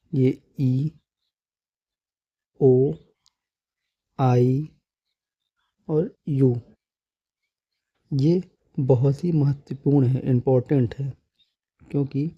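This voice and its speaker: A man's voice: medium pitch, warm tone, husky, no echo, muffled recording. A man teaching English letter sounds in Hindi, patient and repeating each sound several times. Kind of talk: slow, explanatory Hindi lesson.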